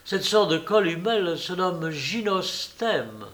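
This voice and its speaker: A man's voice: sits high, animated, slow, a bit bright, voice pushed up, heavily acted. A man doing a young pedantic scholar. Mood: lecturing. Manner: pedantic, precise, lecturing. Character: young pedantic male scholar, eager lecturer.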